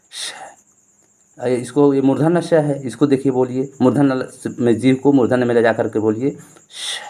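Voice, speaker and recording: Mellow-voiced Indian man teaching grammar. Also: mid-range voice. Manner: drills with repeated questions and answers. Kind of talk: exam-prep grammar lesson.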